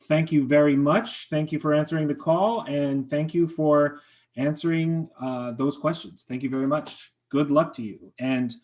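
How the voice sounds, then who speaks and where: A man chairing a members' meeting over a video call, running motions and votes in a brisk, polite, procedural way. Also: on the high side, fairly even intonation, a little mellow.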